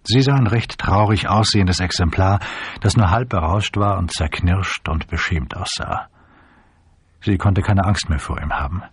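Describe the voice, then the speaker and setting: A man narrating an audiobook in a measured storytelling manner. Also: low voice, breathy edge, no room sound.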